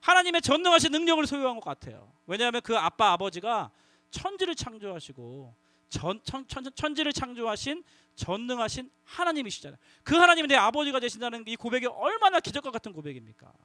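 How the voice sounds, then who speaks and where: A man preaching to middle schoolers as their youth pastor, lively and coaxing the audience to call out together. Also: very high-pitched, quick pace, dry recording. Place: church youth worship hall.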